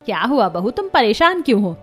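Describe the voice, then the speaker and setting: A woman voicing a scornful middle-aged mother-in-law in a cartoon story, sharp and mocking. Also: on the high side, very animated, fairly quick, breathy edge, exaggerated voice. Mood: kindly. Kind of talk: cartoon voice acting.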